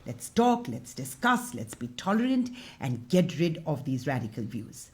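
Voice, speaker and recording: A woman's voice: extremely low pitch, big pitch swings, measured pace, a little mellow. A woman speaking as a panelist in a casual talk show discussion.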